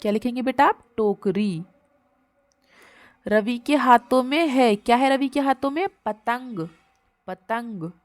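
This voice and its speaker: A woman teacher, taking young children patiently through a workbook lesson and repeating each word slowly. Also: high voice, dry recording.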